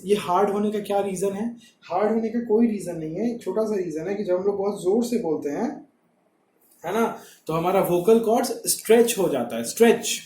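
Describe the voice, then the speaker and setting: A male teacher explains a lesson in a high, mellow voice. He repeats each point and keeps asking his class whether they follow. The echoey room rings around him. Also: slight background noise. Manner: repetitive, checks understanding with rhetorical questions. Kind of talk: classroom lecture.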